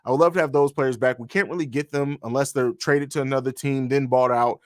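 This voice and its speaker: A man's voice: mid-range voice, fairly even intonation, a little fast, dry recording, clean studio sound. Casual man answering live-stream comments. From grew up in Italy and Germany. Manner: conversational, answers viewer comments with fillers. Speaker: podcast host.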